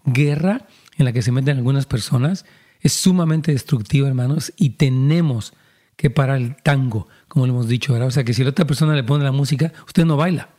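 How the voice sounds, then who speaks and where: A man's voice: medium pitch, brisk, dark tone. A man, a pastor giving earnest counseling talk and speaking directly to listeners.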